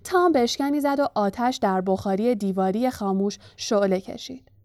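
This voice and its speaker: A woman narrating a storybook in a calm, even reading voice. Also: mid-range voice, no room sound, clean studio sound. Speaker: audiobook narrator.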